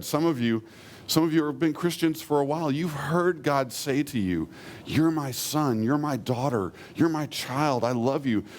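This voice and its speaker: A man preaching a sermon, earnestly, slowing down and softening when he quotes God's words. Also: a little high. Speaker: pastor.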